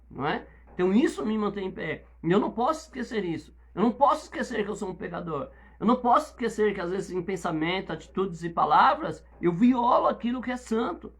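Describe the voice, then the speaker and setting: A man's voice: high-pitched, slightly rough. A middle-aged Brazilian man preaching a sermon as a pastor, speaking conversationally and then rising into emphatic outbursts.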